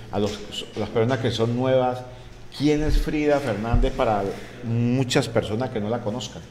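A man's voice: medium pitch, darkish tone, a little hiss or hum. A middle-aged man hosting a studio interview, rambling and repeating words into a desk mic. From Colombia. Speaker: radio host. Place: small radio studio.

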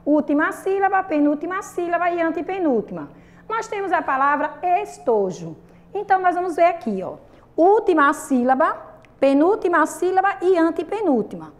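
A woman's voice: very high-pitched, expressive. A woman teaching a primary school lesson to children with a Brazilian Portuguese accent, patient and repetitive, asking the class questions and drawing out syllables. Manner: patient, repeats and asks the class questions, drawn-out sung syllables.

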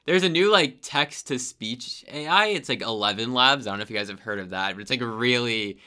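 A young game developer and YouTuber chatting casually as a podcast guest, saying "like" constantly. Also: male voice, medium pitch, animated, a little fast, bright, forceful tone. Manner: loose and filler-heavy, says "like" constantly. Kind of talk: casual chat.

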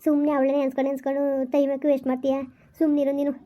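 Woman doing an impatient girl who wants to marry him, coaxing and scolding, high voice, talks super fast. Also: monotone, dark tone, lightly acted. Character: pushy young woman eager to marry the mourner. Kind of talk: village skit acting.

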